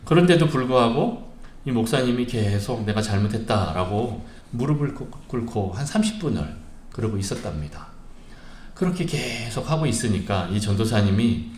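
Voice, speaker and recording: A male pastor preaching a sermon, telling a story with frequent "uh" pauses and vivid retelling. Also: lowish voice, darkish tone, roomy sound, a little hiss or hum. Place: church sanctuary.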